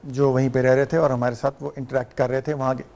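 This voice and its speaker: A man with a Pakistani Urdu accent, a guest on a talk show, telling stories in an animated way and sometimes mimicking Arabic phrases. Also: medium pitch, vocal fry. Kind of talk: casual talk show conversation.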